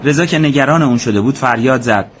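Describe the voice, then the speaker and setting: A man narrating a war story as scripted audiobook narration, in a steady, measured way. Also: mid-range voice, slight background noise.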